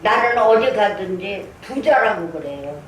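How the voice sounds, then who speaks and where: Older woman pastor, slow testimony sermon, distant mic, faint background noise. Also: mid-range voice, animated, echoey room. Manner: earnest storytelling, acting out her own prayers. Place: church sanctuary.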